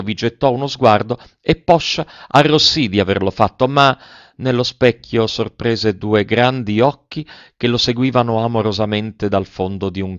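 A man reading a classic novel aloud in a measured, literary manner. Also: lowish voice, no echo, dull audio. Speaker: narrator.

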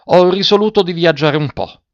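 A man's voice: sits high, moderate pace, no echo, voice pushed up. A man voicing a cold, proud aristocratic husband, speaking curtly in a dull lo-fi recording. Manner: curt and cold.

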